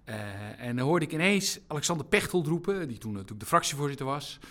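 Guy chatting easy-going, lots of uh's, voice a bit on the high side. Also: fast. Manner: reflective, relaxed storyteller with frequent hesitations. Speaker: former parliamentarian, guest. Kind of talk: casual conversation.

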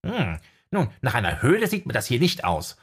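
A small owl familiar with a pedantic, know-it-all streak, as a male narrator puts him on for an audiobook. The voice sits high and perky, with a husky, breathy grain under it. He chirps his remarks like a fussy little professor. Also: wildly swooping pitch, normal speed. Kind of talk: audiobook character voice.

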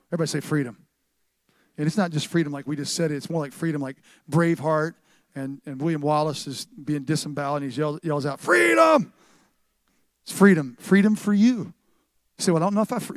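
A pastor in middle age, talking in a fairly high voice that is dry and close, with no room echo. He preaches conversationally, stumbling and restarting phrases, then rising suddenly to loud emphasis. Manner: animated and conversational, with frequent restarts and swings in loudness. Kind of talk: sermon with church announcements. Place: church service with a live congregation.

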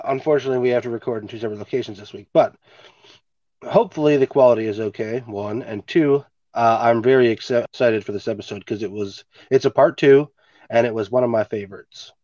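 Stuffy-nosed and easygoing, a podcast host swears casually through a relaxed chat recorded remotely on his home mic. His mid-range voice is slightly mellow, and the sound is lo-fi with no room sound.

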